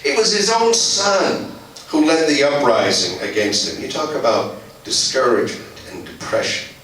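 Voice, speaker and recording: A man preaching a sermon as pastor, slowing down and dropping his voice softly on key phrases. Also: mid-range voice, lively intonation. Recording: very echoey church hall, voice from a distance.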